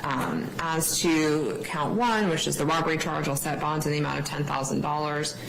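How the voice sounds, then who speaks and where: Low-voiced woman judge in a courtroom recording. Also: steady tone, moderate pace, creaky. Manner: procedural, reads out conditions one by one. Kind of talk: courtroom proceedings. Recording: echoey courtroom audio with loud background noise.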